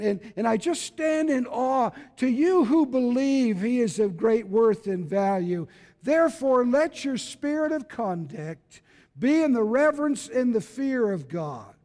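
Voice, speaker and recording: Preaching an impassioned evangelical sermon, a roughly seventy-year-old man speaks in a high-pitched, darkish voice. His delivery is emphatic and exhorting, with repeated phrases for emphasis, and the hall around him echoes long.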